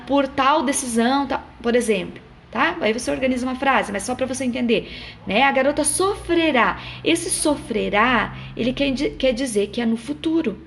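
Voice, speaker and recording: A woman explaining a grammar lesson to her students, patient and explanatory, often checking they follow. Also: on the high side. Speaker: teacher. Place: classroom with a whiteboard. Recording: echoey room.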